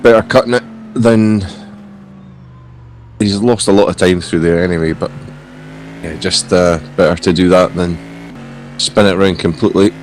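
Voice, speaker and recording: A man with a croaky, hoarse voice giving casual live motorsport commentary. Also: low voice, fairly even intonation, moderate pace, long pauses, slight background noise. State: hoarse from coughing. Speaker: sim racing stream commentator.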